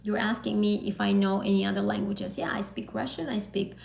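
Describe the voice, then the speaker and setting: On a live stream, a young English exam tutor from Azerbaijan, a native Azerbaijani speaker, fields viewers' questions in a chatty way. She uses lots of fillers and often repeats or rephrases. Her mid-range voice is gravelly and darkish with a level tone, she talks fairly quickly, and there's slight background noise.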